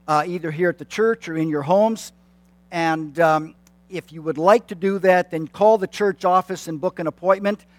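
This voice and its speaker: A high-pitched man in his late fifties, a church consultant, gives announcements to a congregation in a church sanctuary, recorded with no echo. His manner is friendly and self-deprecating, full of fillers and restarts.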